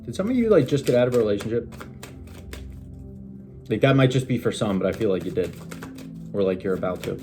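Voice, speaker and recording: In his bedroom, a man sits at a desk giving a casual tarot reading, his voice lowish, darkish and animated, brisk but broken by long pauses. He chats to viewers loosely and ramblingly, mutters asides, and swears when the cards won't cooperate, while music plays on a TV behind him.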